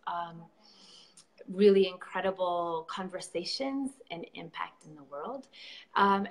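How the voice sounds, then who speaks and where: The audio is poor as a woman with a mid-range voice speaks in a live-stream conversation in her role as an event organizer. Earnest and effusive, she leans heavily on fillers and ums and often restarts her thoughts.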